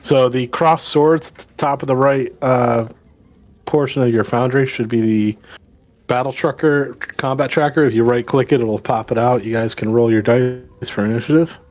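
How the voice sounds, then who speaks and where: A man's voice: mid-range voice, fairly even intonation, normal speed, a little mellow. A man narrating a tabletop role-playing game as game master, mixing story narration with casual rules talk.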